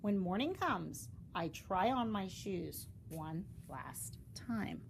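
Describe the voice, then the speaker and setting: A woman reading a children's storybook aloud, expressively, with dramatic emphasis and deliberate pauses. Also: medium pitch, big pitch swings, creaky, background noise. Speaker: storybook reader.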